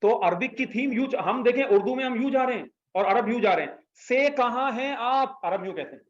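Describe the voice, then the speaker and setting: A man teaching an Arabic class, patiently explaining and prompting students to repeat after him. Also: high-pitched. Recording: echoey room, slightly dull sound.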